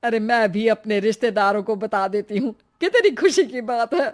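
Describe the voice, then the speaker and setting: A woman's voice: mid-range voice, level tone, normal speed, close to an everyday voice. A woman voicing a teasing middle-aged mother in a cartoon story.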